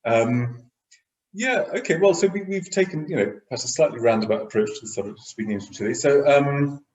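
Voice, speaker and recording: A man's voice: medium pitch, animated, brisk, darkish tone, highs cut off. A middle-aged man hosting a casual chat, talking loosely with lots of fillers. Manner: chatty, many "you know" fillers. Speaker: host. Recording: roomy echo.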